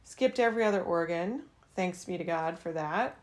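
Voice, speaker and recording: A woman's voice: fairly low pitch, moderate pace, a little mellow. A woman co-hosting a podcast in casual chat, chatty and teasing, now and then breaking into a bit of song. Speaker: podcast co-host.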